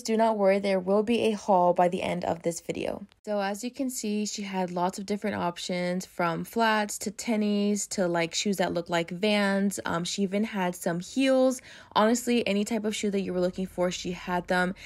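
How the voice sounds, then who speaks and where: A young woman talks through a shop-with-me voice-over for her doll-collecting channel. She sounds chatty and enthusiastic, dropping casual slang. Her voice sits in a middling pitch. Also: darkish tone.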